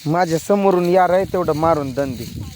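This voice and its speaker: Man, casual running talk, shouts instructions, outdoors in a farm field. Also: fairly high pitch, normal speed, a crowd in the background. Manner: calls out loud instructions to children and helpers. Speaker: vlogger at work in a farm field.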